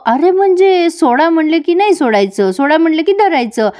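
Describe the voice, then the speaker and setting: A woman's voice: extremely high pitch, lively intonation, moderate pace, darkish tone, pitched above the performer's own voice. A woman reading the lines of a hot-headed young husband in a recap of a television serial, exasperated and sarcastic.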